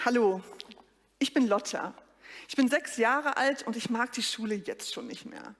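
A sulky little first-grader, plaintive and talking straight to her listeners, put on by a woman. The voice sits fairly high. It rings out in a large hall with a long echo. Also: moderate pace. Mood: glum. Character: glum six-year-old girl who dislikes school.

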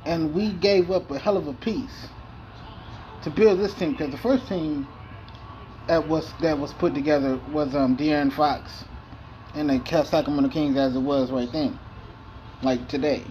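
Rambling, profane man at a higher pitch. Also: fairly even intonation, a little slow, long pauses, darkish tone, dull audio, a little hiss or hum. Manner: rambling, loose and profane, with restarts. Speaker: video game player. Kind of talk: casual gameplay commentary.

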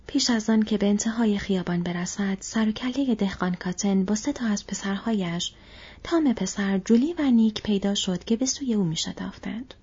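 A woman narrating a fantasy audiobook in a soft, hushed storytelling manner. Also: mid-range voice. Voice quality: breathy. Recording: dull lo-fi audio.

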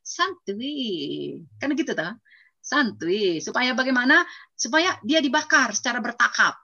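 Bright-voiced woman preaching, lo-fi. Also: on the high side, unhurried, creaky. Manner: lively, acts out quoted voices and sound effects. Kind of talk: sermon to young adults. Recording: dull lo-fi recording.

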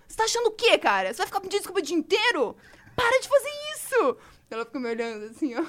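A woman in her thirties, a podcast guest in casual chat, telling animated stories about her small daughter. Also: extremely high pitch, very fast.

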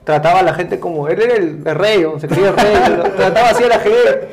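A man's voice: high voice, fairly quick, noisy background. A man with a Peruvian Spanish accent, a podcast co-host who teases his friend in casual chat and interjects often. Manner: teasing, interjects often, laughs a lot.

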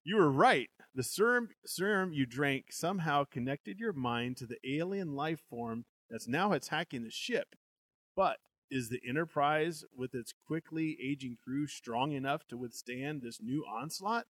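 A man's voice: on the high side, expressive, unhurried, a bit bright, no room sound. A young man co-hosting a show, reading a gamebook aloud with banter and frequent laughs. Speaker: podcast co-host reading a gamebook.

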